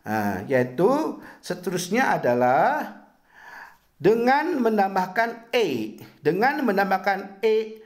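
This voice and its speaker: A middle-aged man teaches a university grammar class at an unhurried pace, his pitch swinging up and down as he drills each example. He repeats words patiently, one at a time. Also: very animated. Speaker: English lecturer. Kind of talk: university English grammar lesson.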